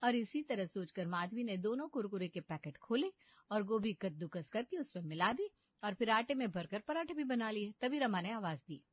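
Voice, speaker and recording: A woman narrating a cartoon storybook in a calm, even manner. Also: medium pitch, moderate pace, no room sound, highs cut off.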